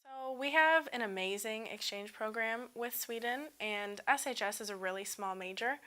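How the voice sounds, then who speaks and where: Young female student, twenties, crisp bright tone, casual upbeat testimonial delivery. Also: fairly high pitch, moderate pace. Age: 20s. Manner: upbeat, casual, frequent ums and likes. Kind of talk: unscripted testimonial.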